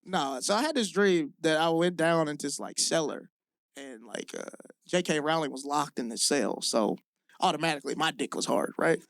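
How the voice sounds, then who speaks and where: A man from the American South performing live stand-up comedy on a club stage, loose and profane, rising to shouts on punchlines. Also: on the high side, moderate pace, creaky.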